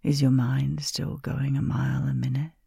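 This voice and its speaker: A woman whispering softly and slowly close to the microphone, soothing a listener toward sleep in a caretaker roleplay. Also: very deep voice, little pitch movement, gravelly, breathy edge, no room sound. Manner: soft, slow, soothing whisper.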